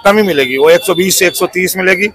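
A man in his fifties, the head of a fish market, talks earnestly and promotionally in a somewhat high voice. He is recorded outdoors at a busy street market, speaking into a small handheld mic held near his mouth. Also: fast, fairly bright tone, rough recording. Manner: earnest, promotional, lists items in a raised voice. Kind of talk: street interview. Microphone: handheld lapel mic held up to mouth.

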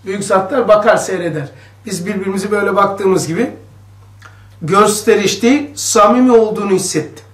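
A man's voice: high voice, a little fast. A man leading a religious study circle, reading a text aloud and explaining it to the group in a chatty way, with his voice echoing like in a cave. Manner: conversational, explains each passage and questions the listeners. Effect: cave-like echo on the voice. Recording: echoey room, voice distant from the mic.

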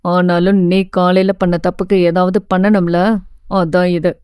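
A woman's voice: fairly low pitch, flat delivery, measured pace, darkish tone, smooth, no room sound, studio quality, voice pushed down, natural voice. A woman voicing a brooding, harsh young male anti-hero who talks in a curt, cold, pressing way.

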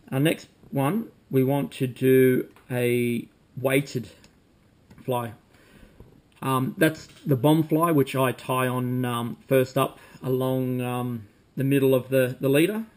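A man, calmly demonstrating fly tying at a desk at home, talking while he works with frequent ums. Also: medium pitch. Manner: relaxed, talks while working, frequent ums. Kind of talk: casual demonstration. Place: home room with bookshelves, indoors.

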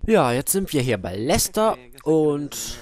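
A man's voice: on the high side, sing-song, takes it slowly, a little mellow. A man hosting a let's play, chatting casually over a headset and teasing his friends. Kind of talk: casual gaming voice chat.

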